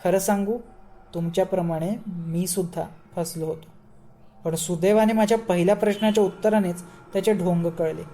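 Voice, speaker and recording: A woman voicing a calm, shrewd older man who speaks firmly and explains things patiently. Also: lowish voice, moderate pace, close to an everyday voice. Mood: explaining. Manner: firm, level-headed, explaining.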